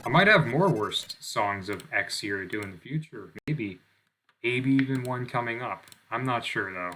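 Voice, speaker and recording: A young man hosting a gaming channel rambles through casual gameplay commentary, full of fillers, frequent swearing, and self-mockery. His medium-pitched voice is expressive, pushed, and bright at a normal speed, with slight background noise.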